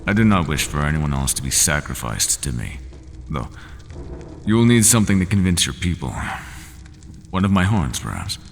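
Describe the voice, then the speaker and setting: In an audio roleplay, a resigned, half-human horned monster speaks in an extremely deep, gravelly voice that swings widely in pitch, very animated as a full character voice. His solemn, weary lines come slowly and formally, without contractions. A long hall reverb carries his voice over faint ambient noise.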